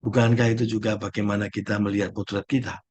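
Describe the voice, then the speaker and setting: A middle-aged man, a Jesuit priest, giving a slow, gentle spiritual reflection with searching pauses. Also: fairly low pitch, flat delivery, husky.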